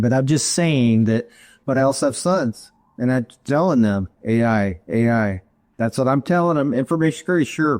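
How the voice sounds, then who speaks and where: A man's voice: medium pitch, a little mellow. Chatty middle-aged man telling stories. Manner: chatty, storytelling, jokes at himself. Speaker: guest, information security executive. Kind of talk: casual interview answer.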